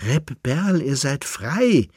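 A man's voice: on the high side, big pitch swings, slow, darkish tone, breathy edge, no room sound, studio quality, pitched above the performer's own voice, full character voice. A male audiobook reader voicing solemn male community elders who proclaim and insist in raised voices. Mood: insistent. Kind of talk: audiobook reading.

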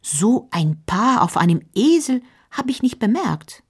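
A woman's voice: on the high side, very animated, measured pace, darkish tone, breathy edge, voice pushed up, exaggerated voice. A woman playing an anxious young guard. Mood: puzzled.

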